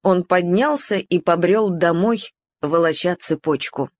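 A woman reading a children's story aloud with expressive storytelling. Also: on the low side, a little slow, no echo. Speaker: narrator.

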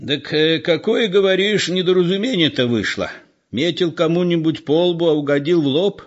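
A man voicing a shrewd, gruff old village man who scolds and probes, on a dull lo-fi recording. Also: on the high side, moderate pace, pitched above the performer's own voice, close to an everyday voice. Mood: probing.

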